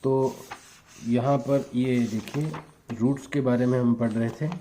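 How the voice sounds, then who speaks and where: A male teacher slowly dictating answers and translating each phrase for his pupils. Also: medium pitch, fairly even intonation, mellow, a little hiss or hum. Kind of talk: classroom lesson, bilingual explanation.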